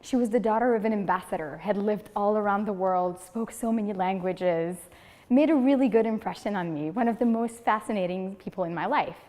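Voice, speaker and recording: A Moroccan woman in her 30s, fairly quick and medium-pitched, entertains a speaking club with a funny prepared speech. Her storytelling is lively, and she acts out each person she quotes. The recording carries the long echo of a hall-like meeting room.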